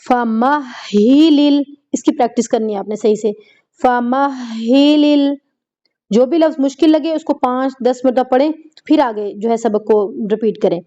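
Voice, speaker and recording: A woman teaching Quran recitation, reciting verses slowly and then explaining each rule, repeating words for practice. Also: on the high side, warm tone, muffled recording. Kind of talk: tajweed lesson, slow recitation with explanations.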